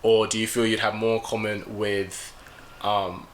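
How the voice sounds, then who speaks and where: A young man taking part as a guest in a casual debate, reasoning aloud in a measured way and putting questions back to his host. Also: lowish voice, level tone, slight background noise, low-quality recording. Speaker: guest youtuber.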